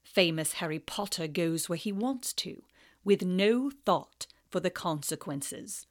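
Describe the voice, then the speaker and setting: A woman reading aloud and voicing a cold, sneering male professor, speaking slowly and menacingly. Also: fairly low pitch, animated.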